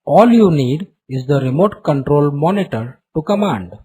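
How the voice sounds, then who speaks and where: A man playing a short, narrow-eyed salesman who delivers a slick sales pitch like a recorded program. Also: lively intonation, normal speed, dark tone, husky. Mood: smooth selling.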